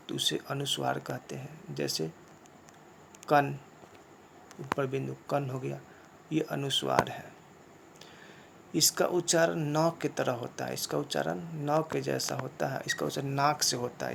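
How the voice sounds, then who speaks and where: A man teaches a grammar class at an unhurried pace, and his voice has a gravelly edge. He asks questions and answers them himself, repeating key points. A faint hiss sits under the recording. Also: mid-range voice. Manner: slow, repetitive explaining with rhetorical questions. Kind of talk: classroom lesson.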